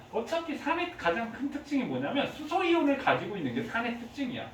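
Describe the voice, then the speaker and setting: Male chemistry teacher, very high and lively voice, heard from across an echoey room. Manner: lively, quizzing students with frequent questions. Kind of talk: classroom lecture. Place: classroom. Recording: echoey classroom from far off, faint hiss.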